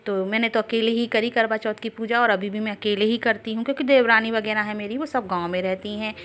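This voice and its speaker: A woman's voice: on the high side, fairly even intonation, brisk, a bit bright. A woman from Jhansi, chatting to camera as a family vlogger at home in a confiding, storytelling way. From Jhansi, India. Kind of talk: casual chat to camera.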